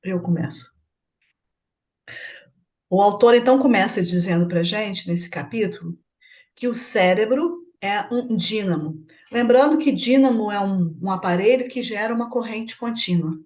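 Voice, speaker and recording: A woman's voice: medium pitch, moderate pace, a little mellow. A Brazilian woman leading a spiritist book study, explaining a chapter and checking with her partner. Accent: Brazilian Portuguese. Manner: explanatory, asks partner for confirmation. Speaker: study group host.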